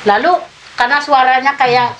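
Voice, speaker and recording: A woman's voice: high voice, steady tone, moderate pace, fairly bright tone, lo-fi sound. Hesitant woman in her fifties telling her story. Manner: hesitant storytelling with many filler sounds. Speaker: guest giving testimony. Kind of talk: personal testimony told in conversation.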